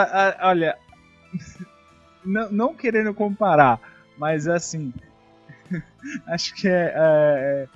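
A man's voice: on the high side, breathy edge. Indignant, swearing Brazilian man. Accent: Brazilian Portuguese. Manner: profane, indignant storytelling. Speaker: podcast host. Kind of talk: casual chat. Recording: dull lo-fi audio, faint music.

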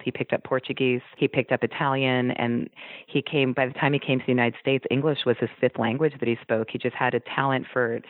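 Over a tinny, dry phone line, a man with a medium-pitched voice answers interview questions about his late father, a wrestler. He reminisces fondly through anecdotes, with no echo on the recording.

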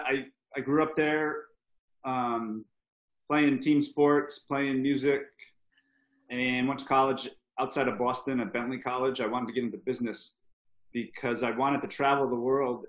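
A man in his thirties from Rhode Island, a podcast guest telling stories in a relaxed, rambling way. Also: mid-range voice. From Rhode Island, USA. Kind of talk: casual chat. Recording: roomy echoey sound.

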